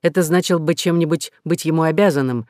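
A man's voice: fairly high pitch, brisk, a little mellow, no room sound, studio quality, natural voice. A man reading a novel aloud, voicing a blunt, proud old peasant carpenter. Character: old peasant carpenter Jean, gruff and hearty.

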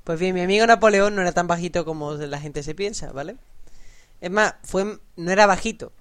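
Man, high voice, casual podcast chat, lively storyteller. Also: fairly quick, clear, resonant tone. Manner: lively storyteller, peppers talk with "¿vale?" and slang. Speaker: podcast co-host.

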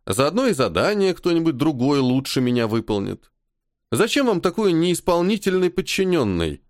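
A stubborn, sullen army major, as a male audiobook reader puts him on, keeping his replies formal but caustic. His pitch moves freely and the sound is dry and close-miked. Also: sing-song, moderate pace, no room sound. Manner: gloomy, stubborn, sarcastic. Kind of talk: audiobook character voice.

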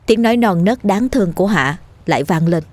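A woman reading a ghost story in an even, measured way. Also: mid-range voice, no echo. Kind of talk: scripted ghost story narration.

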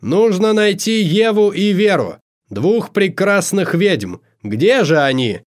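A man's voice: a little high, expressive, fairly quick, voice pushed up, lightly acted. A man voicing a theatrical male host of a party of nonhumans, announcing in a raised, showy voice.

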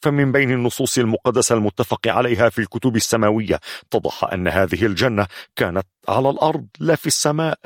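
A man's voice: medium pitch, fast talker, dry recording, clean studio sound, close to an everyday voice. A man doing a nervous, stammering young captive. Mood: anxious. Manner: anxious, stammering. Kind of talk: audiobook narration.

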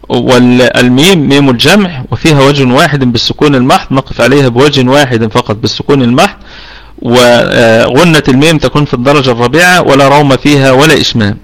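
A man from Egypt with an Egyptian Arabic accent, teaching Quran recitation rules in a live online lesson. He explains step by step, often checks that the listener follows, and slows down to demonstrate sounds. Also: medium pitch, fairly bright tone, low-quality recording. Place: home room over online voice chat.

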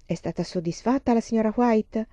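A woman reading the lines of a kind, easygoing pioneer father in a gentle, reassuring way. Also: fairly high pitch, a little fast, dry recording, dull audio, close to an everyday voice.

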